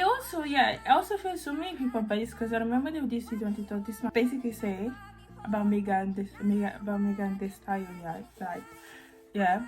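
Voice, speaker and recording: Chatty young woman vlogger, higher voice. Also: low-quality recording. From Italy. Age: young adult. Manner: chatty, rambling, frequent restarts and fillers. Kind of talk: casual opinion vlog. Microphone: phone mic.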